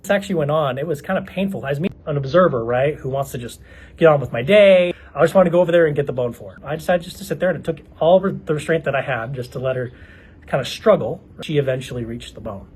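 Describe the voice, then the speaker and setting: A man's voice: fairly high pitch, fast, darkish tone, breathy edge, rough recording. A man in his thirties earnestly telling personal stories to his viewers, reflective and conversational. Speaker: vlogger. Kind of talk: reflective personal storytelling to camera.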